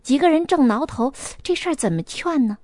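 Woman, storytelling narration, colloquial, animated intonation, dry close mic. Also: high voice, fairly quick, dry recording. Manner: lively, colloquial storytelling, voicing each character.

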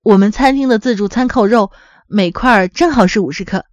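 A woman's voice: mid-range voice, a little fast, darkish tone, no room sound, natural voice. A woman voicing a courteous young restaurant waitress who explains rules patiently. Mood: polite.

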